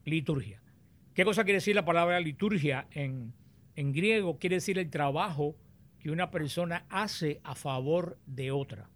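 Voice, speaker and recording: A man teaching on the Bible, explaining and reading scripture aloud in a deliberate, explanatory way. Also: on the high side, fairly bright tone.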